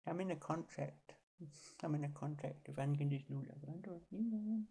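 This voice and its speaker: A woman's voice: low-pitched, moderate pace, creaky, warm tone. A woman in her forties, rambling casually at home and cooing to her cat in sing-song baby talk. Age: 40s. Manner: meandering, chatty, talks to herself. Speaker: vlogger. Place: home, on a swivel chair by a sofa.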